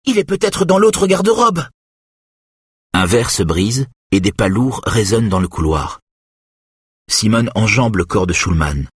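A man reading a thriller as an audiobook narrator in a steady, measured way. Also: deep voice, breathy edge, no room sound, clean studio sound.

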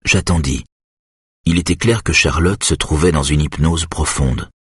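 A man with a very low, husky voice reads a first-person novel aloud in calm, measured narration. The sound is close and dry, with no room around it. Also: no echo. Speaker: audiobook narrator.

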